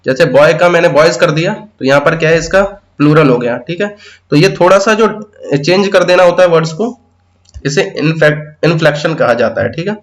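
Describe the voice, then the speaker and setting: Here a man speaks a little high and a little fast while leading an exam-prep lesson on pedagogy. His step-by-step explanation mixes in terms, punctuated by frequent "theek hai" check-ins.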